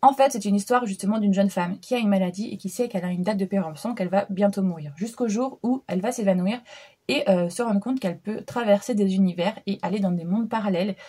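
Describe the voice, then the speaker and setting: A woman's voice: medium pitch, fast, warm tone, slightly rough. A young woman giving a casual book review, chatty and full of hesitations, talking straight to her viewers. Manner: chatty, lots of hesitation fillers, addresses viewers directly.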